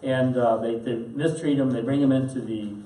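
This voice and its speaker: A man's voice: medium pitch, fairly even intonation, normal speed, warm tone. A man teaching a Bible study class in a chatty lecture style, acting out quotes and chuckling often, recorded in a parish meeting room. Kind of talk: conversational lecture. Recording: echoey room, distant mic, faint noise.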